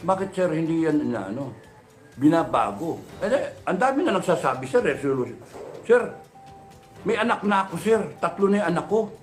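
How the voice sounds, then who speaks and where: A man in his thirties or forties rants with heat, hammering out question after question and peppering them with a mock-respectful "sir." His voice sits a little higher than most men's, and soft music plays underneath. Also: sing-song, moderate pace. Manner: fiery, repeated rhetorical questions, mixes Tagalog and English; mock-polite "sir" addressing officials. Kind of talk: impassioned political rant.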